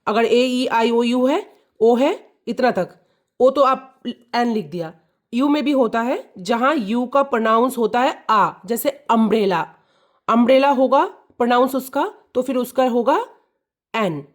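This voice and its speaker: Lady teacher going over a grammar lesson for kids, talks slow, repeats stuff a lot, a bit high voice. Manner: repeats key words, checks "clear?" and "ठीक है". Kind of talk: explaining an English lesson to children.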